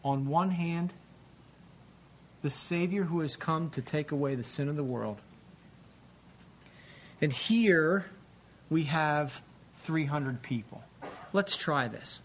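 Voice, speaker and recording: Slow, emphatic male preacher. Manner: emphatic, deliberate, repeats phrases for weight. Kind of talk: dramatic storytelling sermon. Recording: live sermon with faint rumbling noise.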